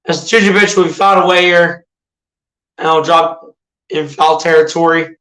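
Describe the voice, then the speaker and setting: An echoey room carries the voice of a young man doing amateur pitch-by-pitch commentary on his livestream, who chats with viewers in between. His voice is fairly high and bright with a slight roughness, and he speaks at a normal speed with fairly even intonation.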